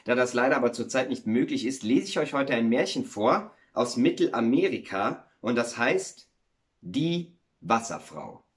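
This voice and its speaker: A male stage actor reading a fairy tale aloud for children, expressive and slowing down for effect. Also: mid-range voice.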